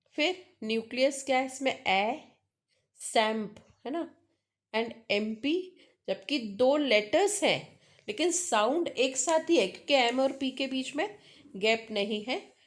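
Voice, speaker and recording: A woman with an Indian accent teaches a class at an unhurried pace. Her voice sits fairly high. She explains each point carefully and keeps checking that her listeners understand. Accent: Indian English. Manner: explains step by step, mixing Hindi and English, checks understanding with tag questions. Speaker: English teacher. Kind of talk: classroom lecture on phonology.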